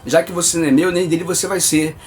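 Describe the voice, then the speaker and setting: A man's voice: on the high side, steady tone, fast talker, faint music behind, natural voice. A man voicing Satan as a menacing, possessive male demon lord while retelling a vision.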